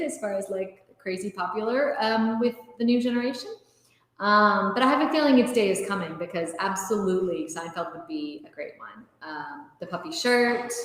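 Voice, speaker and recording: A woman hosting a casual trivia stream, chatting and reading quiz questions aloud. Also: medium pitch. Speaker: trivia night host. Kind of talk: casual livestream chat. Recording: very echoey room with long reverb.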